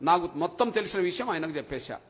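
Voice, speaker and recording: A man's voice: high-pitched, expressive, fast. A man with a Telangana Telugu accent giving a public speech at a meeting, telling a story with passion and repetition. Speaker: speaker at a community leaders' meeting.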